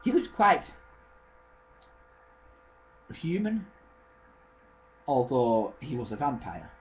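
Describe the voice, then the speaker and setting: A man retells a story in a casual way, stopping to correct himself and starting lines over. His pitch sits in the middle but swings widely. The recording sounds slightly dull, with a faint hum underneath. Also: sing-song. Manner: halting, with many restarts and self-corrections.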